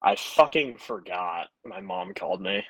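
A man's voice: low-pitched, expressive, a little slow, a bit bright, husky, no room sound, low-quality recording. A young man co-hosting a podcast, chatting casually, often stumbling over his words and swearing casually. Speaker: podcast co-host. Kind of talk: casual chat.

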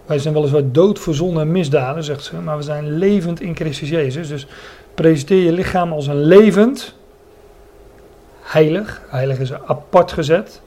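A man's voice: on the high side, moderate pace, dark tone. A man preaching a Bible sermon, often stopping to search for words and restate a phrase, and explaining the meanings of Greek words.

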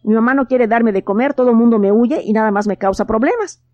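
A woman's voice: mid-range voice, lively intonation, a little fast, darkish tone, dry recording, highs cut off, natural voice. A woman voicing a grumpy, hot-tempered young boy in a storybook, sulky and whiny. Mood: worried.

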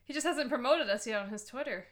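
A woman co-hosting a casual podcast, sarcastic and quick to giggle. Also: a little high. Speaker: podcast co-host. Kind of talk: casual chat over a watch-along.

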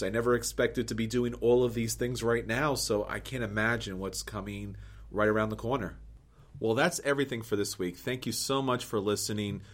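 A man co-hosting a board game podcast, talking earnestly and upbeat, with lively quoted asides. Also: lowish voice. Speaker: podcast co-host. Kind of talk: casual podcast talk.

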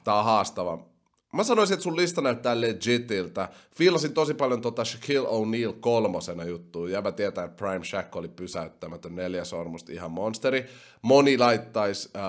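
A young man with a somewhat low voice talks casually as a podcast host. He reads listener comments out loud and reacts to them. His delivery is animated, with sudden loud bursts. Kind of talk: casual chat.

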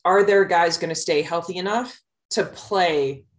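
A woman co-hosting a sports podcast, chatting casually and explaining her opinions in an informal, measured way. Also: fairly low pitch. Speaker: podcast co-host. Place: podcast studio.

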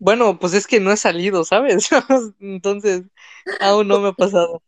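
On a casual live stream, a young man from Mexico, a content creator with a Mexican Spanish accent, rambles along full of fillers and restarts. He has a high voice and an unhurried pace. There is no room sound.

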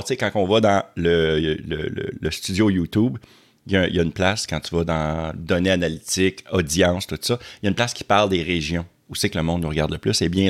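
Deep-voiced Québécois man chatting casually. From Quebec. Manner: chatty, stammers and repeats words. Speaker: YouTube host. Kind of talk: casual chat.

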